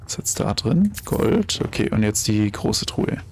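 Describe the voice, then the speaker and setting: A man's voice: fairly low pitch, big pitch swings, unhurried, darkish tone. A German man giving casual let's play commentary, chatty and thinking aloud, exclaiming over loot as he finds it.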